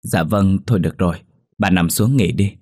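A man voicing a gentle village man who coaxes a grieving old woman to rest. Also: low-pitched, normal speed, no echo, clean studio sound. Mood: soothing. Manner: soothing, coaxing.

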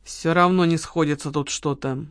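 A jittery, grumbling man who rants when cornered, as a woman reader puts him on. The voice sits lower than the narration, dry and close to the mic. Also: fairly even intonation, moderate pace, no room sound. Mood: doubtful. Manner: grumbling, easily exasperated. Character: nervous, grumbling male con-man partner.

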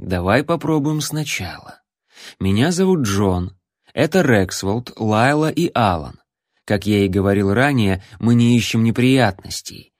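Man voicing a calm ranger, reasonable, lightly amused. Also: lowish voice, measured pace, no room sound, studio quality. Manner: composed and reasonable. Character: calm, patient male ranger, quietly amused.

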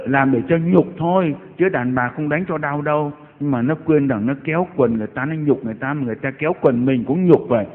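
Priest telling stories with mocking asides. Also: male voice, a little high, fast, few pauses. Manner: storytelling with mocking exclamations. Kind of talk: sermon. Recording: echoey hall over tinny broadcast line.

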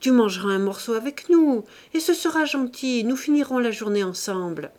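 A woman's voice: fairly high pitch, expressive, moderate pace, a little mellow, voice pushed up, natural voice. A woman voicing a caring young man coaxing his friend, in a storybook reading.

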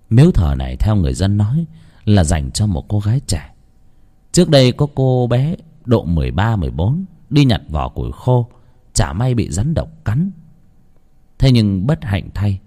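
A man narrating a ghost story in a dramatic, hushed storytelling manner. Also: lowish voice.

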